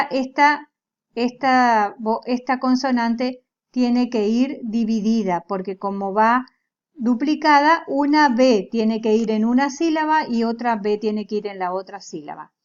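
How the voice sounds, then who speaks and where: A woman teaching Biblical Hebrew in a recorded lecture, explaining step by step in a slow, patient way. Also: on the high side, darkish tone. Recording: dull lo-fi recording.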